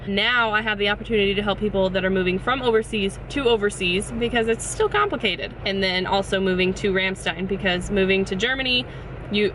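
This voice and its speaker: A young adult woman chatting casually and explaining things to camera, sitting in a parked car in pouring rain. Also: medium pitch. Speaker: vlogger. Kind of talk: casual vlog chat to camera. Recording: noisy rain drumming on car. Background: loud rain on the car.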